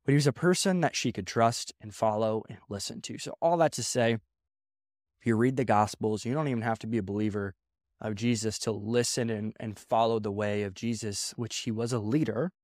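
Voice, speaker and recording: Low-voiced man giving casual leadership talk. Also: normal speed, a little mellow, no room sound, studio quality. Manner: conversational, repeats phrases, acts out quoted voices. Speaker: pastor teaching on leadership. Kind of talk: casual sermon-style teaching.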